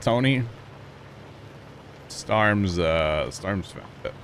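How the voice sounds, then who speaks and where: A man with a fairly low voice chats casually with his viewers as he plays. His voice comes through a livestream headset mic. He talks in a relaxed, chatty way, with a faint hiss underneath. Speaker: livestreamer playing a farming game. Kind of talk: casual livestream chat and game talk.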